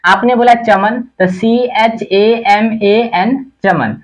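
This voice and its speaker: A man teaching a lesson at a board, who asks his own questions, answers them, and spells words out slowly letter by letter. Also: high voice. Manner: repetitive and patient, checks understanding often. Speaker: spoken English teacher.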